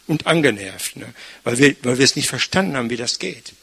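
A man's voice: medium pitch, expressive, fairly quick, vocal fry, bright, forceful tone, breathy edge. An older man, a pastor, preaching a conversational sermon, frequently tagging his sentences with "ne?". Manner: chatty, frequent tag "ne?".

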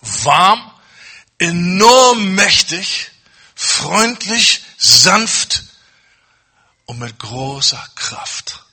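Husky, dramatic testimony preacher man. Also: high-pitched, sing-song, very slow, long pauses. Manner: dramatic storytelling, acting out dialogue with swings from loud to hushed. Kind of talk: testimony sermon.

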